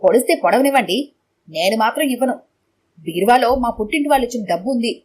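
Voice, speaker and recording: A woman's voice: a little high, expressive, quick pace, darkish tone, husky. A woman narrator voicing a stubborn, shrewd, money-minded wife. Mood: stubborn firm.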